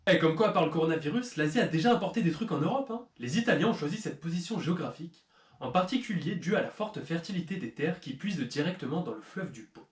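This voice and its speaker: Guy hosting a cooking vid, jokey and teasing, kinda high voice, echoey room. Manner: playful, teasing, mock-serious. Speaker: cooking channel host. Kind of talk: jokey cooking video narration. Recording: roomy echo.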